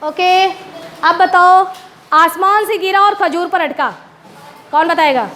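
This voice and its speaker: A woman teacher with a strikingly high voice walks her pupils through one example after another. She repeats each point and keeps checking that the class follows, over faint background noise in the classroom. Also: takes it slowly, bright, forceful tone. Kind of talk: classroom lesson explaining proverbs.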